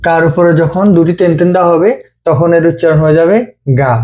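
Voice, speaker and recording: Patient man with a mellow voice. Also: on the high side, little pitch movement, muffled recording. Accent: Bengali. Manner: slow, patient, repeating each sound. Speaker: language teacher. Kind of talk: step-by-step script lesson.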